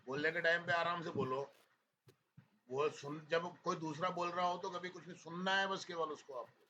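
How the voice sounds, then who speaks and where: A man teaching English speaking practice, gently coaxing his students to speak without fear. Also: a little high, fairly even intonation, normal speed. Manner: coaxing, calls students "beta" often. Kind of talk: encouraging feedback to students. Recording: muffled lo-fi with loud background noise and clicks.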